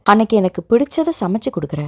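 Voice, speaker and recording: A woman voicing a protective young man who comforts his fiancée and gently scolds her. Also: sits high, big pitch swings, fast, no echo, clean studio sound, full character voice. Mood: tender reassurance.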